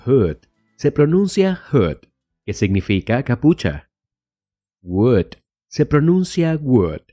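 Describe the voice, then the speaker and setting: A man giving a scripted English-pronunciation lesson, saying each English example word slowly and carefully before glossing it. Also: medium pitch, warm tone. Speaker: English teacher.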